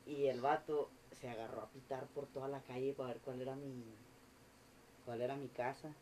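A man, a podcast guest telling a story in animated, slangy, swearing casual chat. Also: medium pitch, normal speed, slight background noise.

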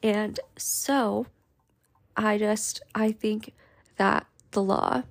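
A woman's voice: mid-range voice, steady tone, drawn-out words, gravelly. A young woman in her twenties, a law student, chatting casually and emotionally, close to tears, rambling with many fillers and restarts. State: tearful. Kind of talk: casual chat.

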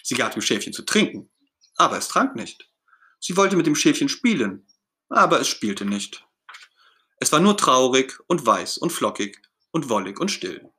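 A male narrator reads a children's story in a mid-range voice at normal speed, telling it expressively and gently.

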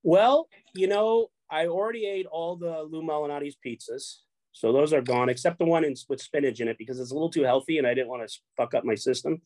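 This voice sits on the high side with a darkish tone and a fairly quick pace, with no room sound. The speaker, a middle-aged poker show runner from Chicago appearing as a guest, rambles through casual chat with repeated words and plenty of swearing.

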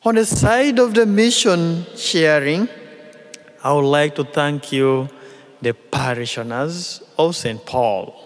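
A man with a Ugandan accent preaches a homily in a large church, placing each short phrase slowly and deliberately. His voice sits somewhat high for a man. The sound carries a long reverb from the church hall. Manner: slow, deliberate, phrase-by-phrase delivery. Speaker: visiting priest. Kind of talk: mission appeal homily at Mass.

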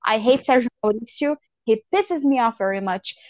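A woman co-hosting a podcast, chatting in an animated, playful way. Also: on the high side, dry recording. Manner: animated, playful, quick laughs. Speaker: podcast co-host. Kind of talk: casual chat.

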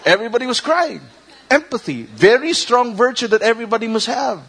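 A man with a Filipino accent preaching a sermon, animated and emphatic, mixing English and Tagalog. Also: very high-pitched, fairly quick, a little hiss or hum. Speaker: pastor.

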